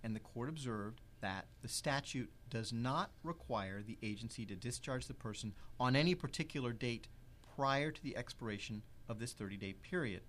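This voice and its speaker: Measured man explaining legal rules. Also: mid-range voice, expressive, fairly bright tone. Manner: measured, precise, stresses key words. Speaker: legal expert guest.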